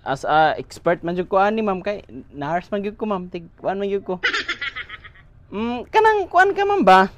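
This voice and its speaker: A woman's voice: big pitch swings, a little slow, a little hiss or hum. A woman playing a cheeky male nurse. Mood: teasing. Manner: teasing, playful, swings pitch widely. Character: cheeky young male village nurse, friendly, joking. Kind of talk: comedy sketch acting.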